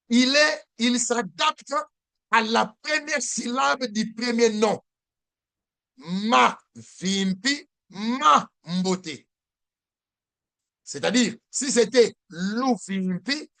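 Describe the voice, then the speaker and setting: Slow gravelly man teaching a language. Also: high-pitched, a bit bright. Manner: slow, repeats each phrase for learners. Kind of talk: language lesson.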